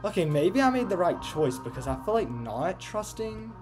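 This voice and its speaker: A man's voice: high-pitched, sing-song, moderate pace. A man commentating as he plays a game, playful and teasing, often saying he is only joking. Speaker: gaming YouTuber. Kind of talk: let's play commentary. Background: game music.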